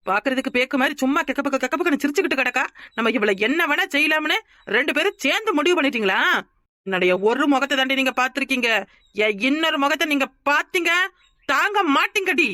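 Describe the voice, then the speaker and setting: A woman doing a fast-talking, wronged young village wife. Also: high-pitched, expressive, sharp tone, no echo, clean studio sound. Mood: spiteful. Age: young adult. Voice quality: rapid, complaining talk. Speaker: cartoon character. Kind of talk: cartoon voice acting.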